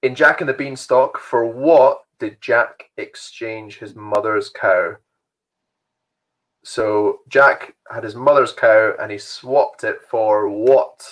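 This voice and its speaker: A man's voice: mid-range voice, takes it slowly, a bit bright, poor audio. A young man hosting an online youth quiz from home, chatty and rambling, laughing often. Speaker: youth group host.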